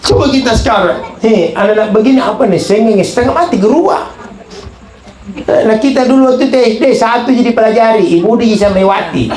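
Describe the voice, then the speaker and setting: A man's voice: high-pitched, a little fast, reverberant, a crowd in the background, poor audio. A man with a Buginese accent preaching a humorous Islamic sermon, telling stories, acting out voices and chanting prayers. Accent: Buginese-accented Indonesian. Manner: animated storytelling, acts out voices, chants prayers.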